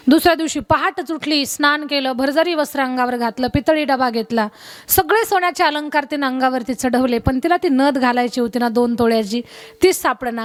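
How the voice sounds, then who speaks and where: A woman preacher telling a lively folksy story in a devotional sermon, speaking directly to the women listening. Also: sits high, no room sound. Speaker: kirtan preacher.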